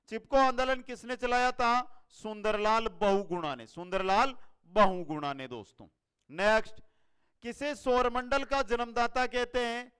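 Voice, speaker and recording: A man with a Rajasthani Hindi accent, an online exam-prep teacher running a fast quiz-style lesson, energetic and repeating each answer for his viewers. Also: extremely high pitch, clear, resonant tone.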